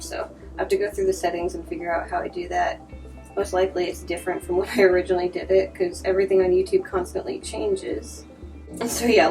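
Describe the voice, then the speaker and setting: A woman casually chatting and thinking aloud while she works on art in a vlog, sometimes dropping to a soft whisper, a little sniffly. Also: lowish voice, creaky, distant mic, poor audio. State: sniffly from allergies. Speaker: artist vlogger. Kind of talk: casual crafting vlog chat. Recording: voice a little off-mic, faint music behind.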